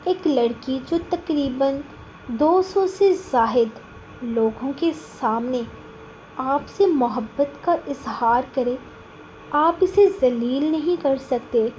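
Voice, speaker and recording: Figure: affectionate young husband read by a woman. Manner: soft, gently coaxing. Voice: high and light. Style: audiobook novel reading. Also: soft background music, close to an everyday voice, poor audio. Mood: confiding.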